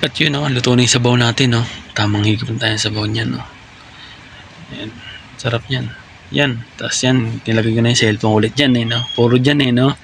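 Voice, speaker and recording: A young man with a Filipino accent talks over his travel footage in a loose, rambling way, often tagging a quick "no?" onto the end of a line. His voice has a gravelly edge, and faint noise hums under the recording. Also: mid-range voice, fairly even intonation. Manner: chatty, rambling, tags lines with "no?"; admits he is still learning voice-over, unsure of his volume. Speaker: vlogger. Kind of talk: casual voice-over narration of a food trip vlog.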